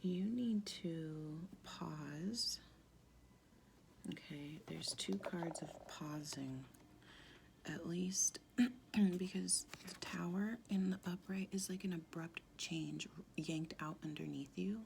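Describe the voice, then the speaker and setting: Female tarot reader, sultry and husky smoker's tone, heavy vocal fry, soft-spoken, informal, halting delivery. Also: fairly low pitch, slight background noise. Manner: halting, informal, with pauses and frequent "like". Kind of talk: casual spiritual tarot reading, soft-spoken.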